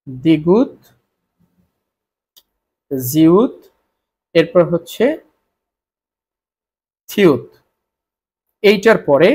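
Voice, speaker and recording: A man's voice: fairly high pitch, breathy edge. Man teaching, asks then answers himself. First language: Bengali. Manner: repetitive, asks and answers own questions. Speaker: Korean language teacher. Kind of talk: explaining grammar rules to students.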